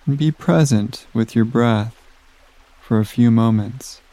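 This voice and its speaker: A man guiding a sleep meditation in a soft, soothing voice with long pauses, recorded close on the mic. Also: medium pitch, dry recording. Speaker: meditation guide.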